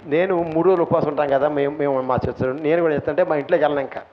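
A male pastor preaching a sermon in a church, impassioned, swinging between shouting and soft asides. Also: fairly high pitch, steady tone, very fast. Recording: dull lo-fi recording, faint room noise.

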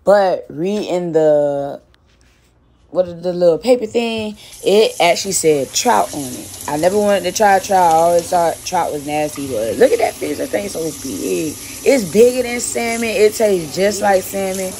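A young woman from Miami, a cooking vlogger, chats casually in slang while preparing fish in her home kitchen. Her voice is on the low side and dark, unhurried, and she repeats words as she cooks. A slight hiss or hum is audible.

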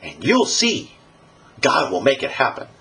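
A man preaching a sermon to his congregation, in an animated and emphatic style. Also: a little slow, vocal fry. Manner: animated, emphatic preaching with lively pitch swings.

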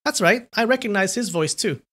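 A man's voice: sits high, lively intonation, brisk, sharp tone, voice pushed up, full character voice. A man voicing a brash, mischievous young woman swordfighter who goads and teases. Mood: teasing. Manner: mischievous, goading.

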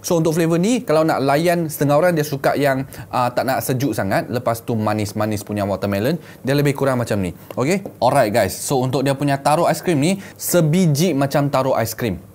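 A man's voice: medium pitch, fairly quick, hardly any pauses, a little mellow. A man in his thirties speaks with a Malaysian accent in a mid-range voice. He presents a casual unboxing and review, colloquial and repetitive, talking straight to his viewers. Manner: colloquial, repeats phrases, talks to viewers as 'guys' and 'gang'. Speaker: product reviewer. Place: small indoor room set up as a gaming studio.

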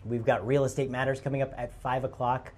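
A man's voice: mid-range voice, little pitch movement, fast talker, a little mellow, slight background noise. A man hosting live parade commentary from a TV studio, upbeat and playful. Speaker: host. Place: TV studio overlooking the street.

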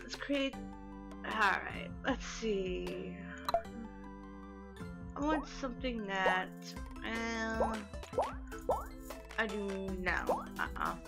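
A woman hosting a let's play video, reacting excitedly with gasps and giggles. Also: mid-range voice, very slow, creaky, pauses often. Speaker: gaming channel host. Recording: game music playing behind.

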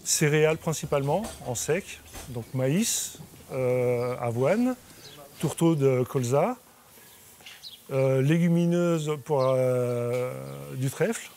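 A man, a goat farmer, answering interview questions hesitantly, with many pauses and fillers. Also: medium pitch, lively intonation, darkish tone, a little hiss or hum.

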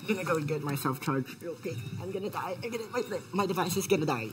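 Woman host, deep for her range, jumpy and teasing let's-play chatter over loud game music. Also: quick pace. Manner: excitable, taunting, breaks into squeals and rambling apologies. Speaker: gameplay channel host. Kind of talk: casual gameplay commentary.

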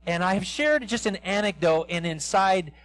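Pastor, male, 40s, fairly high voice, animated, calls on the congregation. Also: moderate pace, poor audio. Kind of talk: interactive sermon. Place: church sanctuary.

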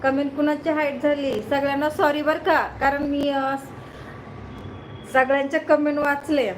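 A woman hosting a casual live stream on her phone, greeting viewers one by one by name and loudly checking that they can hear her. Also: high-pitched, level tone, unhurried, slight background noise, rough recording. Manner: loud, greets viewers by name, keeps asking if she is heard. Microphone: phone held close.

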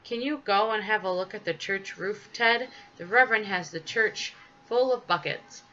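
A woman's voice: mid-range voice, moderate pace, sharp tone, natural voice. Woman reading as a cheerful village postman. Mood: cheery. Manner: friendly and chatty. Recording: slightly dull with faint hiss.

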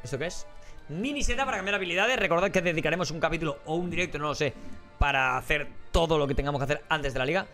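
Man, let's play host, rapid rambling commentary, jokey and swearing, faint game music behind. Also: on the high side, fairly even intonation, fairly bright tone. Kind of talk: casual gameplay commentary.

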